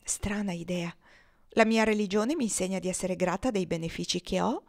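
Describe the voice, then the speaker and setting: A woman's voice: mid-range voice, normal speed, darkish tone, close to an everyday voice. Maria: a woman reading a languid, whiny mother. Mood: dismissive. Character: languid complaining wealthy mother, self-pitying.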